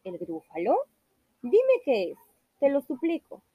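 A woman's voice: high-pitched, wildly swooping pitch, slow pace, no room sound, highs cut off, full character voice. A woman voicing a hungry, scheming fox who sweet-talks its prey. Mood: alarmed.

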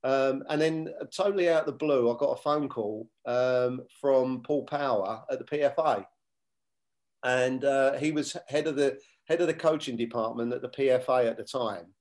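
This is a former footballer and coach, an older man, speaking as a guest in a reflective interview about his football career. His medium-pitched voice is a little mellow, and his delivery is measured, full of fillers and restarts, with dialogue retold as he goes.

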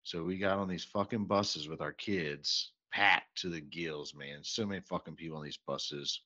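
A man's voice: low-pitched, bright, forceful tone. A man, co-hosting a casual podcast and telling a profane, exasperated story. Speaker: podcast co-host. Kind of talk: casual chat. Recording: dull lo-fi podcast mic.

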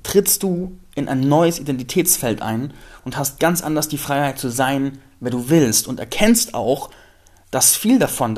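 A man's voice: fairly high pitch, a little mellow. A man, telling a personal story as a podcast host, candid and emphatic, swearing freely.

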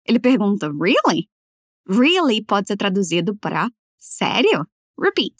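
Uma mulher dando aula de inglês em português, falando devagar e articulando as frases com cuidado para o aluno repetir. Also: female voice, medium pitch, big pitch swings, dry recording, clean studio sound. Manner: slow, careful over-articulated model phrases. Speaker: English teacher. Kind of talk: language lesson, repeat-after-me drills.

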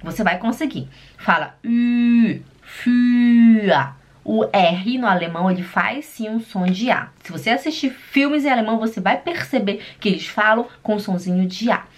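A woman's voice: medium pitch, animated. A woman with a Brazilian Portuguese accent teaching German phrases in a casual, chatty way, drawing words out to drill them and checking in with the learner often. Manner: slow, drawn-out drilling of words. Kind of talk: casual spoken lesson.

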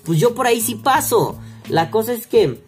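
A man's voice: extremely high pitch, normal speed, soft background music. Crude, rambling Mexican man vlogging. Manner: crude slang-heavy, rambling, animated. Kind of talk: casual storytelling monologue.

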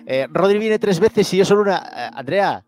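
A man with a Spain Spanish accent, hosting a podcast with quick, joking banter. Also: sits high, animated, a little mellow. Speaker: podcast host. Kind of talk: casual chat.

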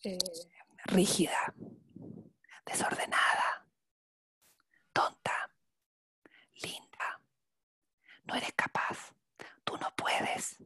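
Woman whispering slowly right in your ear. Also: bright, forceful tone, dry recording. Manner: breathy whispering close to the ear, slow murmured short phrases. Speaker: coaching trainer leading an online class.

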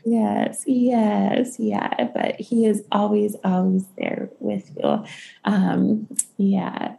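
Woman reader, very gravelly fry, mellow dark tone, gentle and reassuring, halting with ums. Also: medium pitch, flat delivery, a little hiss or hum. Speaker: podcast host giving an angel reading. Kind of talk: intuitive reading conversation.

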